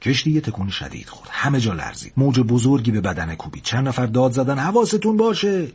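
Husky man narrating a story. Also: medium pitch, big pitch swings, darkish tone.

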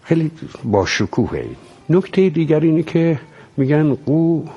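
A man explaining thoughtfully in a measured way, with hesitant pauses. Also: a little high, big pitch swings, dark tone, slightly rough, muffled recording. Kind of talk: reflective talk.

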